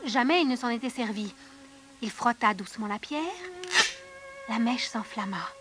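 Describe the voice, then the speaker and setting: A woman narrating a fairy tale in an expressive storybook manner, dropping to hushed tones and rising for drama. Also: fairly high pitch, normal speed, loud music behind the voice.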